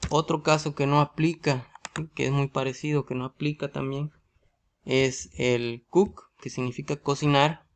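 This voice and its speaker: A man's voice: mid-range voice, steady tone, moderate pace. A man with a Mexican Spanish accent explaining English grammar rules in a video lesson, asking himself questions and checking in with "¿sí?" all the time. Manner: asks rhetorical questions, often adds a tag "¿sí?". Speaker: English teacher.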